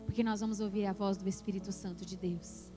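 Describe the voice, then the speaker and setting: A woman's voice: medium pitch, steady tone, brisk. A woman pastor preaching a passionate sermon that builds to emphatic peaks in a church. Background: worship music.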